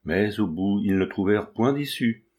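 A man narrates a classic children's tale in a calm, measured reading. His voice sits on the low side. He speaks directly to his listeners and shapes each phrase with care. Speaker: audiobook reader. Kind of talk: scripted storybook narration.

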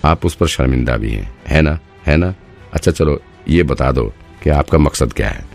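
A man's voice: a bass voice, lively intonation, moderate pace, vocal fry, darkish tone, faint music behind, full character voice. A man voicing a cheeky, defiant young woman thief who taunts and teases. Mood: teasing.

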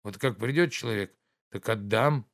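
A man voicing a stubborn old manservant who answers in a gruff, unbothered way. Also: fairly low pitch, moderate pace, fairly bright tone.

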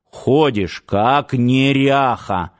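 A man reading an audiobook, voicing a gruff, caring grey-bearded grandfather who grumbles unhurriedly. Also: medium pitch, extremely slow. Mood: grumbling.

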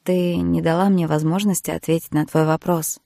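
A woman's voice: deep voice, level tone, moderate pace, gravelly, dark tone, no echo, clean studio sound. A woman voicing an earnest young man, a marine, who speaks tenderly and pleads with the girl he loves.

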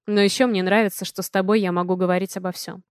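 A woman reading aloud, voicing a playful young male rescue worker in a soft, slightly lowered tone. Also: fairly even intonation, fast, clear, resonant tone, dry recording, clean studio sound, natural voice. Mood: tender.

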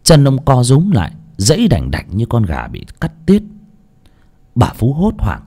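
A man narrating a story in a dramatic, expressive storytelling manner. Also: medium pitch, a little slow, breathy edge. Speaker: audiobook narrator.

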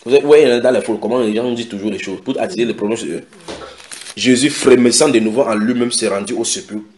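A man preaching a sermon, breaking into loud dramatic voices for the people in the story. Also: medium pitch, quick pace, reverberant, a little hiss or hum. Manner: dramatic, acts out biblical voices with sudden loud shouts.

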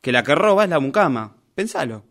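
This man speaks fairly quickly in a sing-song voice that sits on the high side and carries a slight brightness. He is an actor with a Rioplatense Argentine accent rehearsing a radio play, cast as a novel's defiant, indignant character who quarrels with his author. His manner is reproachful and argumentative.

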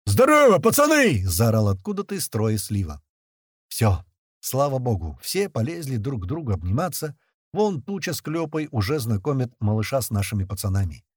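A man tells a first-person audiobook story in coarse, slangy language, with his voice swinging up and down in a lively way. His voice is husky, and it is recorded dry and close to the mic. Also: medium pitch, normal speed, dry recording. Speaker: audiobook narrator.

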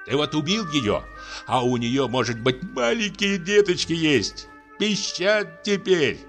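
A man voicing a pompous, sanctimonious landowner gentleman who scolds in a high, drawn-out tenor. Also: faint music behind, lightly acted. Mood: indignant.

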